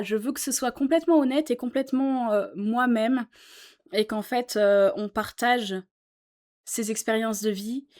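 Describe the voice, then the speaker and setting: Woman YouTuber, voice a touch high, sincere and reflective, talking casually from an office sofa. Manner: earnest, thoughtful, with many fillers. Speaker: YouTuber and musician. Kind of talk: casual chat to camera.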